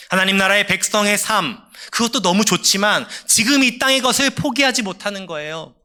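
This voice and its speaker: A male pastor delivers a sermon with an emphatic delivery that rises and falls. His voice sits high and swings widely in pitch. Its tone is very bright and sharp. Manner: emphatic, rising and falling preaching delivery.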